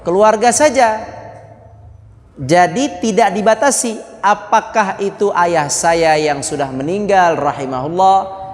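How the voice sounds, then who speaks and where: A man delivers a religious teaching lecture in a fairly high voice, slow and deliberate. He repeats phrases for listeners to follow and drops in joking asides. The sound carries a long reverb, as in a large hall. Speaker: Islamic preacher.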